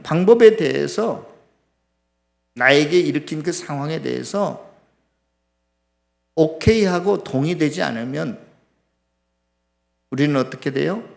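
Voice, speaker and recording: Gravelly high-voiced preaching pastor. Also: male voice. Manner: impassioned, acts out complaints to God in raised voice; asks the congregation questions directly. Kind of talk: sermon.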